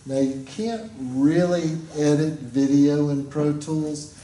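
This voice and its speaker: A man teaching a music technology class, explaining things in a relaxed, rambling way with fillers, recorded from a distance in a classroom. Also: on the high side, slow pace, roomy sound, slight background noise. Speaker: instructor. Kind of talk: classroom lecture.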